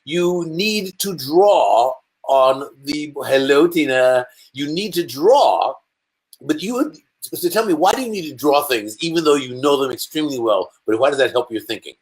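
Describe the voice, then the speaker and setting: A man's voice: on the high side, animated, moderate pace. A man hosting a comedic science show with a playful, theatrical manner, speaking over a call. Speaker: host.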